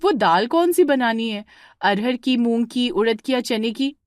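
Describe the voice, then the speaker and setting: Sly young daughter-in-law, a woman voicing her: sugary, over-polite, higher pitch, dry. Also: lively intonation, measured pace, dry recording. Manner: sweetly over-polite on the phone.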